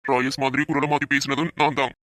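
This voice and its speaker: A man's voice: mid-range voice, level tone, fast talker, fairly bright tone, dry recording, natural voice. A man voicing a scheming, obsessive young male doctor who is the cartoon's villain, speaking in a taunting, mocking way. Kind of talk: cartoon voice acting.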